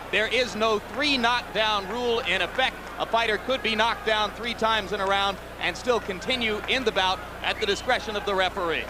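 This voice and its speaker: A man giving ringside boxing commentary in measured, literate, polished phrases. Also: high-pitched. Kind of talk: play-by-play sports broadcast commentary. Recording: noisy broadcast over loud arena crowd.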